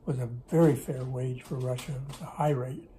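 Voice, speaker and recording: There's slight background noise and the recording quality is poor, but the older man's mellow, medium-pitched voice comes through brisk and steady. At his home kitchen table, he recounts his business days in Russia for a casual interview, rambling and fixing his own mistakes. A camera on the table in front records it.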